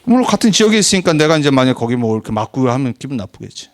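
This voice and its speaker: Earnest pastor preaching a sermon. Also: male voice, big pitch swings, racing. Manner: earnest, exhorting, pitch swings up when stressing points.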